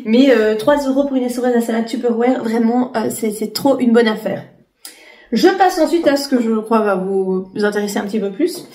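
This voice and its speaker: A woman in her late thirties talks casually to her camera, with a fairly high voice. She chats loosely, full of fillers and restarts. The room echoes around her. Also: normal speed, dark tone. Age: 30s. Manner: chatty, many fillers and restarts. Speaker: vlogger. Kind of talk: casual chat.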